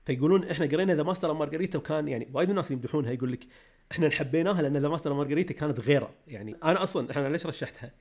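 A man's voice: a little high, darkish tone. A man, co-hosting a podcast in casual chat, talking eagerly and laughing easily. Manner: rapid, enthusiastic, laughs easily. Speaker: podcast co-host.

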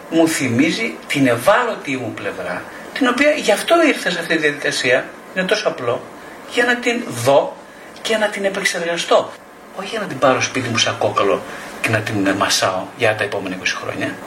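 A middle-aged man, a psychotherapist, lecturing a group in a blunt, animated way with some swearing. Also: fairly high pitch. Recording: echoey room, distant mic, noisy.

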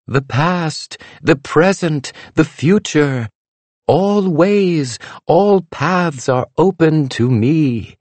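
A man voicing a female fortune teller in a prophetic trance, chanting in a high, drawn-out, wailing voice. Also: lively intonation, darkish tone, dry recording, heavily acted. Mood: mystical.

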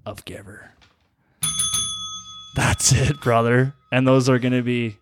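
A young man co-hosting a casual podcast, talking in quick animated bursts and laughing often. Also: medium pitch, background noise. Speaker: podcast co-host. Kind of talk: casual chat.

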